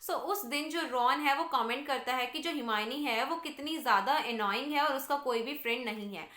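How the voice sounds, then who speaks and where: A woman teacher reads summary lines slowly, then explains them in Hindi. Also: high voice, sharp tone, reverberant. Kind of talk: literature lesson explaining a novel.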